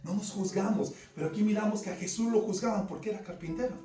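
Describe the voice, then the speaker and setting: A man preaching a fervent sermon, swinging between loud emphasis and quiet asides. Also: sits high, fast talker. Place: church service. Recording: roomy church sound from a distant mic, faint music behind.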